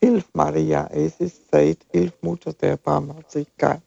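A man's voice: a little high, level tone, unhurried, gravelly, mellow. Older male caller on lo-fi headset line. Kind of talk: reciting a prayer over the phone.

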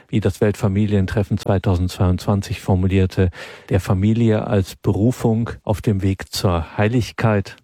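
A middle-aged man hosting a radio programme, reading a calm, measured scripted introduction. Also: on the low side, no echo, clean studio sound. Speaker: radio host.

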